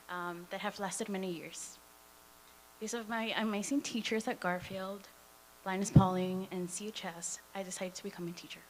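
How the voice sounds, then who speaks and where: Speaking at a school board meeting, a dual immersion teacher in her twenties, a native Spanish speaker, delivers a prepared public comment with a few fillers. Her mid-range voice is a bit bright, and the poor audio has some hiss or hum.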